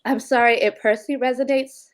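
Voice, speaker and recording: A woman's voice: a little high, steady tone, quick pace. A woman moderating a panel over a video call, talking in an open, heartfelt way. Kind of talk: casual panel talk.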